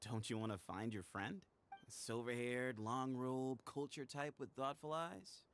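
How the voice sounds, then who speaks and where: A male actor with a medium-pitched voice and some vocal fry plays the sly, teasing leader of an armed band in a video game. His delivery is glib, mocking, and casual, with faint background noise in the recording.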